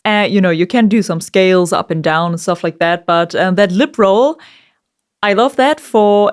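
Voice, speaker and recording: Woman vocalist, clean clear tone, mid pitch, informal chatty tutorial delivery. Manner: informal, chatty, occasional swearing. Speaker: vocalist giving a screaming tutorial. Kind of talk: casual instructional talk.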